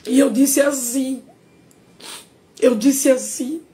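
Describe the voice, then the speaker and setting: A woman's voice: high-pitched, fairly even intonation, takes it slowly, mellow. A woman with a Sergipe accent from Brazil, speaking through tears in a confessional live stream, pleading and emotional. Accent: Sergipe Brazilian Portuguese. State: crying. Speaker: singer. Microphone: phone.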